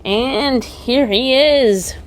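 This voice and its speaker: A woman with a high voice speaks very slowly while co-hosting a toy unboxing show. She's chatty and excited as she calls out details in this casual show-and-tell. There's faint background noise.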